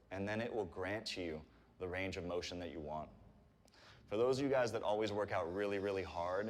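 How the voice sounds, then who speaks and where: Low-voiced man coaching stretches, long reverb. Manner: calm, encouraging, step-by-step cueing. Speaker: fitness and stretching instructor. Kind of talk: guided workout instruction. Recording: reverberant room with long echo.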